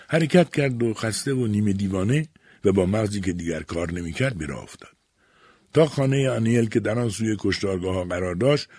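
A man reading an audiobook in measured, dramatic scripted narration. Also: fairly low pitch, darkish tone, breathy edge, dry recording, studio quality.

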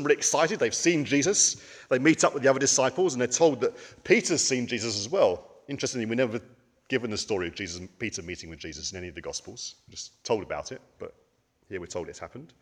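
A man's voice: mid-range voice, husky, in a large hall. A man giving a conversational sermon, with frequent ums and rhetorical questions. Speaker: preacher.

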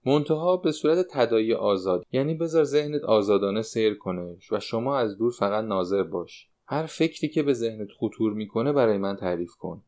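Low-voiced guy reading an audiobook, calm doctor asking questions gently. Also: few pauses. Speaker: narrator, psychiatrist. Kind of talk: audiobook narration.

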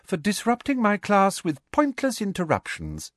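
Guy doing a sleek sugary schoolmistress lady, talks down to everyone, pitched way up. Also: huge pitch swings, measured pace, dry recording, clean studio sound, full character voice. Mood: condescending. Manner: smooth, sleek and condescending. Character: prim, sugary-cold woman teacher.

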